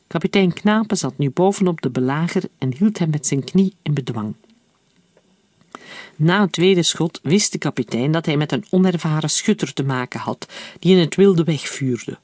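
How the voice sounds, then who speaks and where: A man narrating an audiobook in a calm, even storytelling manner. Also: on the high side, no echo, clean studio sound.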